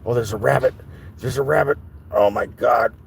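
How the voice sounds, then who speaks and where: A man's voice: medium pitch, moderate pace, vocal fry, a little hiss or hum. Rambling, profane man talking while driving. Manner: rambling and profane, talks to his dogs. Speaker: vlogger. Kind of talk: casual chat while driving. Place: inside a vehicle on private land before dawn.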